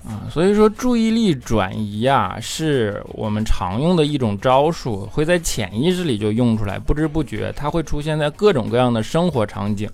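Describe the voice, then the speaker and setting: A man's voice: mid-range voice, very animated, moderate pace, vocal fry, hardly any pauses, darkish tone, faint music behind. Joking man hosting a solo talk show. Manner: joking, teasing, chuckles often.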